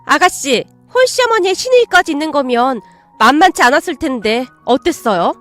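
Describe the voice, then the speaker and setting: A woman's voice: sing-song, normal speed, a bit bright, faint music behind. A woman doing a chattering, tactless sister-in-law. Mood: needling. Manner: chattering, needling, shrill when upset.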